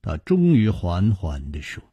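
A man telling a wuxia novel in expressive, dramatic storytelling style. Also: low voice, a little slow, slightly rough, no room sound, lo-fi sound. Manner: expressive, dramatic, voices each character.

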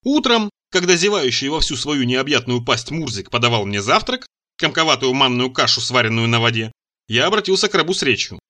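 Lively bright male audiobook narrator. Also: medium pitch, fairly quick. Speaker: audiobook reader. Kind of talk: first-person audiobook narration.

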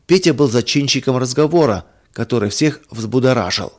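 A man reading a children's story aloud in a calm, even storytelling manner. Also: medium pitch, moderate pace. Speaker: reader of children's stories. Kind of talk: scripted storybook narration.

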